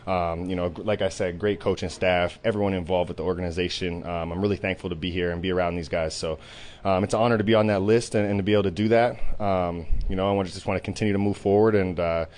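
Young male athlete, low-pitched, rapid, soft-spoken postgame interview with a faint room hum. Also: steady tone. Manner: soft-spoken, many "um" fillers. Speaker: professional basketball player.

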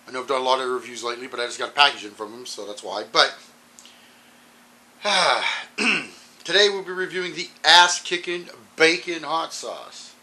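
A man with clogged sinuses casually reviewing a hot sauce on his channel, rambling with ums and clearing his throat often. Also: medium pitch, steady tone, quick pace, hardly any pauses, pushed and bright, rough recording.

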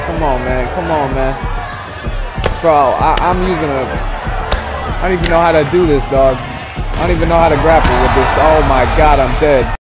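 A young man casually commentating his own video game fight, excitable and loud in his reactions. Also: on the high side, normal speed, long pauses. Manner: excitable, shouting reactions and laughter. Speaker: gaming video host. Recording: game music and crowd underneath. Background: game music and arena crowd.

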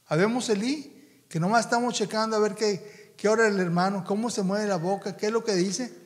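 A man preaching a sermon, halting and repeating his words as he speaks to his congregation. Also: high voice, long reverb tail.

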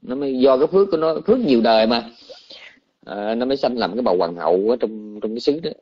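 Monk telling a sermon story, muffled. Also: male voice, medium pitch, fast. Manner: colloquial, animated storytelling with restarts. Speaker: Buddhist monk teacher.

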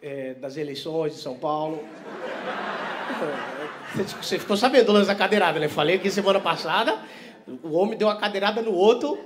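Stand-up comedian, crowd work, profane and teasing, lively swings from hushed asides to loud bursts. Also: male voice, high voice, brisk, background noise. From Vitória, Brazil. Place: comedy stage before a live audience.

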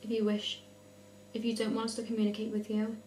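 A woman in her twenties leads a séance with solemn, spoken questions. Her intonation stays fairly flat at a middling pitch, and a faint hum runs under the recording. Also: quick pace, echoey room, rough recording. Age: 20s. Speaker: leader of a spirit board session. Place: dim indoor room at night. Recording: low hum, faint noise.

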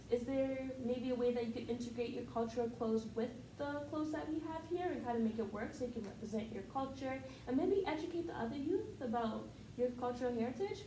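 A young woman playing a polite family counselor who hesitates with many ums, in a student skit. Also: sits high. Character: calm, patient family counselor. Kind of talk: student skit role-play. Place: classroom with a table. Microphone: far camera. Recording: echoey room, background noise.

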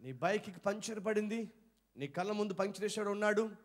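A male pastor, preaching to a congregation and asking them questions again and again, shifting from low murmurs to loud exclaims. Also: fairly quick. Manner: mixes English phrases into his preaching. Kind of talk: sermon. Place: church hall with a congregation.

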